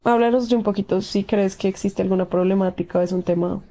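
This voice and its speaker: A woman's voice: medium pitch, steady tone, quick pace, dark tone. A young woman with a cold hosting a podcast, talking steadily through prepared points and then interviewing a guest. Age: young adult. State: has a cold. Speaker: podcast host, psychology student. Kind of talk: scripted podcast monologue and interview.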